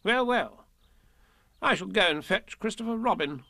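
Storybook rabbit, performed by a man: fussy, superior, politely prim, pitched high and bouncing in tone. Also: lively intonation, a little slow, pushed and bright, dry recording, exaggerated voice. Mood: matter-of-fact. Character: brisk, polite, fussy, know-it-all male rabbit.

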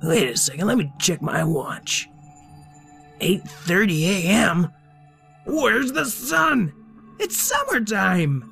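A cocky, bumbling young detective in a children's story, voiced by the narrator. He blusters loudly, then turns jumpy and nervous. His voice has a gravelly fry, with faint music behind. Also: medium pitch, animated, moderate pace, few pauses. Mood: blustery. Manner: blustery, easily spooked.

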